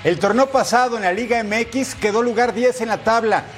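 Guy hosting sports news, high voice, lively delivery, bit of music under it. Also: brisk. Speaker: sports show host.

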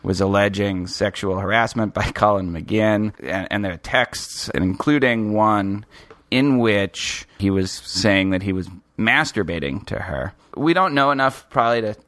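A man's voice: fairly low pitch, unhurried, a bit bright, no echo. Wry male podcast co-host, dry sound. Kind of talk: casual chat.

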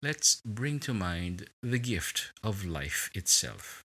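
A man with a deep, low voice guides a relaxation meditation at an unhurried pace. His tone is bright and clear, and his pitch rises and falls expressively as he lingers on each word. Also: sing-song. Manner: slow, soothing, with long pauses.

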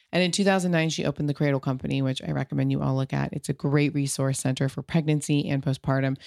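A woman hosting a podcast, her voice low and gravelly. She talks with eager, chatty warmth about her guest and laughs easily. The sound is dry and close. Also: no echo. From Pasadena, California. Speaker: podcast host. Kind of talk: podcast intro and casual interview.

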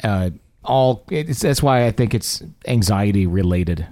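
A man's voice: lowish voice, animated, measured pace, dark tone, no echo. A man hosting a talk show, speaking in a casual, conversational way into a close studio microphone.

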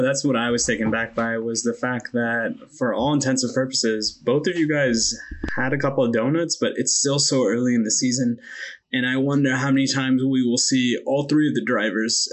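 A man co-hosting a motor racing podcast, talking in easy, casual chat. He teases and pokes fun at himself, with a middle-of-the-road pitch. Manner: playful, self-deprecating banter. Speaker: podcast co-host.

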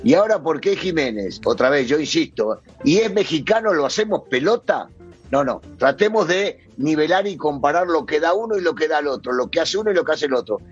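A man's voice: on the high side, animated, a little fast, highs cut off, faint music behind. A man with an Argentine accent, a former player turned sports pundit, arguing his point insistently in a studio debate. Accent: Argentine Spanish. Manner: insistent, argumentative.

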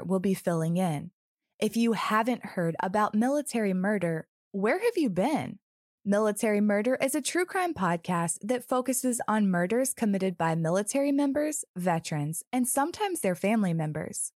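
Female podcast host, animated melody, friendly and informal, dry studio-close sound. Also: medium pitch, no room sound. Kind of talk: scripted podcast introduction.

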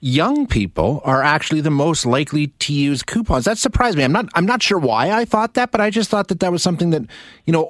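A man hosts an interview with a lively, chatty delivery. His voice sits a bit high and swings widely in pitch, recorded clean and dry. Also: no room sound. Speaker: radio interviewer. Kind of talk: conversational interview hosting.

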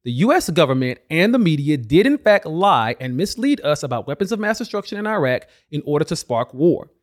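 A man's voice: on the high side, big pitch swings, brisk. A man delivering scripted political commentary as a host, with a sarcastic, mocking manner.

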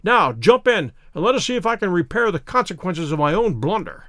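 Man voicing Sherlock Holmes, urgent high-pitched gentleman detective. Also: animated, no room sound, clean studio sound. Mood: urgent despair. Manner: quick, clear, exclamatory. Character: brisk, urgent gentleman detective, self-reproaching, commanding.

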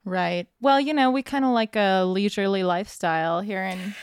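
A woman's voice: medium pitch, normal speed, clean tone, no room sound, clean studio sound. A woman podcast host asking questions in a casual, friendly way with brief acknowledgments. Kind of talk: interview questions.

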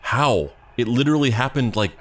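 A man's voice: medium pitch, lively intonation, normal speed, a bit bright. A man playing a sardonic, exasperated adventurer in an audio comedy, with a dry, incredulous way of talking. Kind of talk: scripted audio comedy acting.

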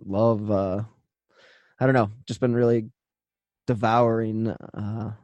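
A man's voice: fairly low pitch, flat delivery, slow, darkish tone, no room sound, highs cut off. A man hosting a true crime podcast, moving between introduction and casual chat in a studio.

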